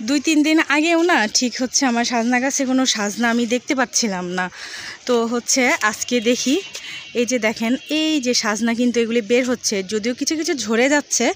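A high-voiced Bangladeshi woman vlogs casually to her viewers from an open rooftop garden in a city. She films on a handheld phone behind the camera, and the outdoor recording is noisy.

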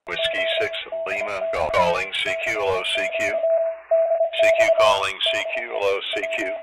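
Low man's voice on a noisy radio. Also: level tone, normal speed. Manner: repetitive call-sign chanting. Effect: heard over a ham radio receiver. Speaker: ham radio operator calling CQ. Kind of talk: ham radio call. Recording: loud static over radio.

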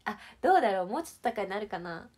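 A young woman from Shizuoka, Japan, hosts an idol livestream, reading comments and chatting with viewers. Her medium-pitched voice is a little mellow with a breathy edge, and she talks very fast and very animatedly, bubbly, playful and giggly throughout.

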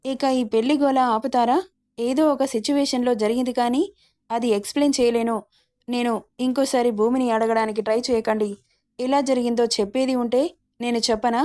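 A man's voice: very high voice, fairly even intonation, a little fast, warm tone, no echo, studio quality. A woman voicing a bossy, domineering man in his late twenties, the romantic hero of a spoken storybook. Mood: stern. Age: 20s. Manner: domineering, commanding.

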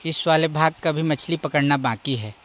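A man's voice: a little high, normal speed, fairly bright tone. A young man narrating a vlog outdoors at a forest stream, explaining step by step what he shows the viewer. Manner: explanatory, points things out to the viewer. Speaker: vlogger.

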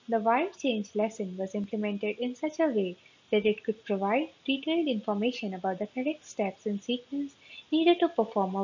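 A woman presenting research in a steady, scripted conference-talk narration, recorded close on a webcam mic. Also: a little high. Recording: slightly dull, faint hiss.

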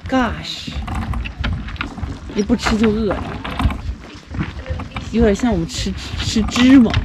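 A woman chatting casually while touring an outdoor dog kennel, cooing at the dogs and mixing Mandarin and English. She talks slowly. Loud noise fills the background. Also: medium pitch. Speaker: travel companion. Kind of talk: casual chat.

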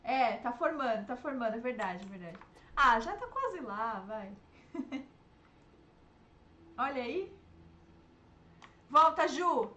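A young woman, streaming herself playing a game and reacting with excitable, panicky outbursts. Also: a little high, slow, long pauses, a little hiss or hum. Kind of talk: live gameplay commentary.

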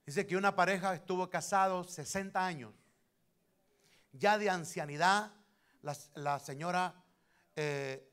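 A male pastor preaching a sermon in church, telling anecdotes and stressing lines loudly while addressing the congregation as brother. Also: on the high side, clear, resonant tone. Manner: storytelling with sudden loud emphasis, addressing the congregation as brother.

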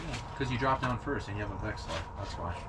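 A man's voice: fairly low pitch, quick pace. A young man joking with a friend while ice fishing in a tent, laid-back and teasing, speaking from a distance from the camera. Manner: laid-back, teasing, says dude and bro. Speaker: fishing buddy. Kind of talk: casual banter. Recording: loud noise, voice off-mic.

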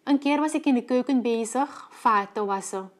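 A woman with a Surinamese Dutch accent plays a domestic worker telling her story in a scripted monologue. She sounds troubled and searching, with a slightly high voice at a normal speed.

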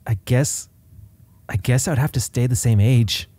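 A man's voice: medium pitch, moderate pace, dark tone, dry recording. A man in his thirties co-hosting a podcast, musing aloud and hesitating in casual chat. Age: 30s. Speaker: podcast co-host.

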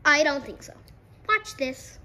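A woman making a playful home sketch with toys, goofy and giggly, now and then bursting into shouts. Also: sits high, expressive, a little slow. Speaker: video maker.

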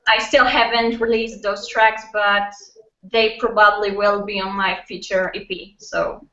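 A young woman with a Polish accent, a guest in a casual video-call interview, talking haltingly with many fillers and restarts. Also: medium pitch, flat delivery, sharp tone. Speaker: guest musician. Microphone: webcam. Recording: distant, echoey, dull webcam audio.

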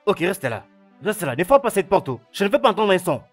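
A nervous deferential gatekeeper. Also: male voice, high voice, sing-song, brisk, faint music behind. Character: nervous obedient gatekeeper servant. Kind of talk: French film dub.

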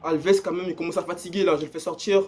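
A young man commentating his own football video game match, excitable and slangy, repeating himself and breaking into shouts and laughs. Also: on the high side, fast talker. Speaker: gaming YouTuber. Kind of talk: live gameplay commentary.

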